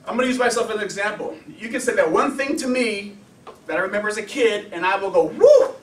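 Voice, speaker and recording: A man teaching an informal anger management class, talking in a lively, conversational way and acting out the voices of the people he quotes. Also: sits high, fast. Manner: animated, conversational, acts out quotes. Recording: echoey room, voice from a distance.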